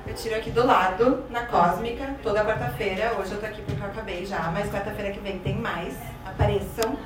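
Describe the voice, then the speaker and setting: A woman's voice: medium pitch, steady tone, fairly quick, recorded from a distance. Laid-back woman, tarot reader guest. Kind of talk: casual live podcast chat. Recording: off-mic in an echoey live room with audience.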